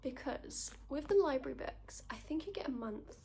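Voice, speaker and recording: A woman talking softly in a hushed, partly whispered library ASMR style, chatting about books as a reviewer. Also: high voice, animated, moderate pace. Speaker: book reviewer. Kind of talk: whispered ASMR book recommendations.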